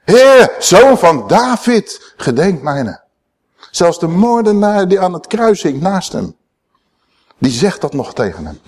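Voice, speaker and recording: Animated Dutch-speaking preacher man. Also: breathy edge. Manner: dramatic, swings between emphatic high calls and low hushed asides; quotes scripture aloud, slowing on key words. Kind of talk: sermon.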